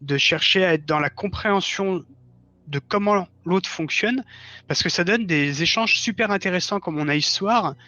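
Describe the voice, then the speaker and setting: This guest, a fiction writer on a live online stream, reflects casually and earnestly, rewording his points along the way. He talks at a moderate pace in a high-pitched, sharp voice; the recording is dry and carried over a dull, lo-fi link.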